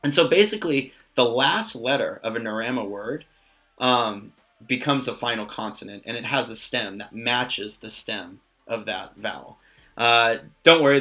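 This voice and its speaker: A man teaching a language lesson in a relaxed way, with many fillers and joking asides. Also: medium pitch. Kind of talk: casual lesson.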